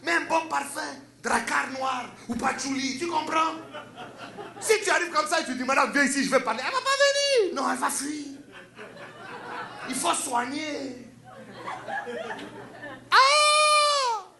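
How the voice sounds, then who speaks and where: A man's voice: very high-pitched, very animated, measured pace, gravelly, pauses often, pushed and bright, echoey room, voice pushed up, exaggerated voice. A man doing a grandiose West African charmer. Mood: boastful. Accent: West African French. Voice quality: grandiose, flowery, emphatic. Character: smooth-talking African man, flowery seducer.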